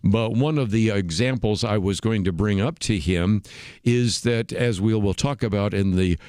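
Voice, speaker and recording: Low-voiced male radio talk host. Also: darkish tone, clean tone, no room sound, clean studio sound. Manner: measured, explanatory, frequent "uh" fillers. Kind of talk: unscripted radio commentary.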